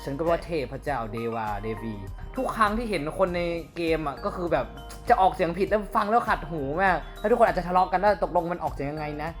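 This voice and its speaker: Young man chatting casually with soft music. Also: high voice, lively intonation, fast, few pauses. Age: young adult. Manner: switches between Thai and Mandarin, laughs often. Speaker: vlogger teaching name pronunciation. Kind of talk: casual bilingual chat.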